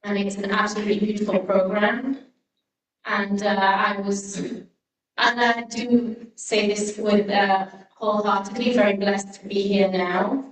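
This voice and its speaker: A woman in her twenties from the United Kingdom, speaking as a guest speaker to a congregation in a relaxed way with frequent "um" fillers. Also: mid-range voice, measured pace. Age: 20s. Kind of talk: personal talk to a congregation. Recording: echoey room, mic at a distance.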